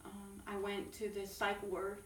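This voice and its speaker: A young woman giving a halting personal testimony with many fillers, recorded from a distance in an echoey room. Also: mid-range voice, completely flat delivery. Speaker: ministry program resident. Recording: echoey room, mic far off, faint noise.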